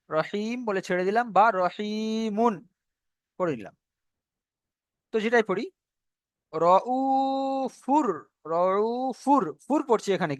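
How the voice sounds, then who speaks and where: Here a man with a rather high voice gives an online tajweed lesson, explaining Quran recitation rule by rule. The recited words come out slow and drawn out so they can be repeated back. There is no room echo; the sound is close and dry.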